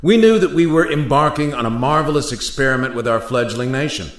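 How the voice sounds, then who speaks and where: A man's voice: mid-range voice, animated, a little fast, natural voice. An actor playing Thomas Jefferson in a radio play as a courteous, earnest statesman, speaking formally, in a roomy recording. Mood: earnest, reflective. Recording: roomy echo.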